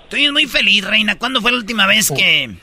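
A man's voice: high voice, lively intonation, fairly quick, very noisy. A man with a Mexican accent, teasing and joking while asking questions in a comedy game show. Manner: teasing, rowdy. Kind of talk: joking banter.

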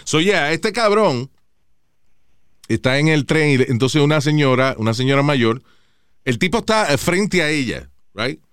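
A man's voice: a little high, expressive, moderate pace, a bit bright, smooth, dry recording, clean studio sound. A man co-hosting a talk show, chatting casually while switching between Spanish and English and swearing freely. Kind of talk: casual bilingual chat.

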